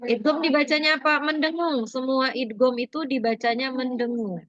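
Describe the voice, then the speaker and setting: A woman's voice: high-pitched, fairly even intonation, moderate pace, a bit bright, muffled recording. A woman teacher going over a lesson with her class, asking questions and prompting students for answers. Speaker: religious studies teacher.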